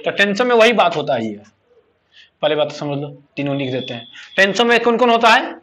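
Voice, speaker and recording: A man's voice: high-pitched, sing-song, brisk, a bit bright. A male teacher, leading a grammar lesson and firing questions at his students for call-and-response answers. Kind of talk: classroom English grammar lesson.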